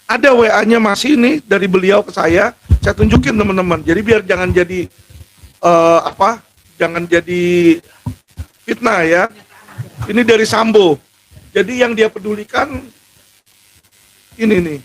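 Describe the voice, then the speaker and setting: High-voiced indignant man speaking out. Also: unhurried, pauses often, rough recording. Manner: indignant, emphatic, rises to shouting. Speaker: lawyer. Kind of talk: impassioned public speech.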